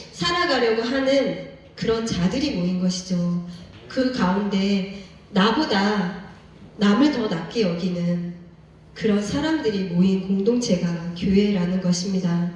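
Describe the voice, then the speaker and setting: A woman preaches a sermon to her congregation, putting question after question to them in an earnest, pleading way. She stands well back from the microphone, and the church around her is very echoey. Her voice sits at a middle pitch. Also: a little mellow, far from the mic. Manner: asks the congregation many questions. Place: church sanctuary.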